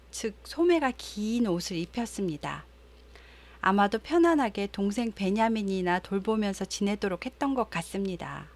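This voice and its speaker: A woman narrating a Bible story in a gentle, explanatory storytelling manner. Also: mid-range voice.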